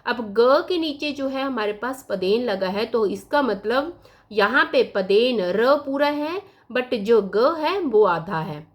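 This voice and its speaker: Slow, patient woman teaching grammar. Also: a little high, expressive. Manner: patient, spells out sounds one by one. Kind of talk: slow blackboard lesson.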